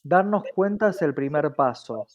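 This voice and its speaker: An Argentine-accented woman with a low, expressive, slightly mellow voice speaks as an interview guest at a moderate pace. She explains things reflectively and conversationally, often checking in with rhetorical questions, though the recording sounds muffled.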